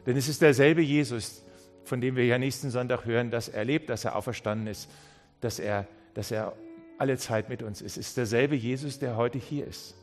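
A man's voice: mid-range voice, normal speed, faint music behind. A man preaching a sermon with passion, often acting out the people he quotes. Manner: passionate, acts out quoted speech, many restarts.

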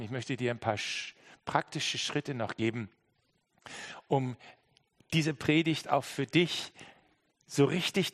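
Pastor preaching with shifting intensity. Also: male voice, mid-range voice. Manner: lively preaching, mimics excuses, drops to soft intimate tones. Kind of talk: sermon.

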